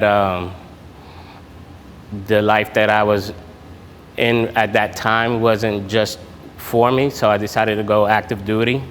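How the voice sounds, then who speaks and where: A man, a military veteran giving an informal talk at a networking event, halting and full of filler sounds. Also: fairly low pitch, fairly bright tone. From Puerto Rico. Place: event room. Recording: echoey hall with background noise.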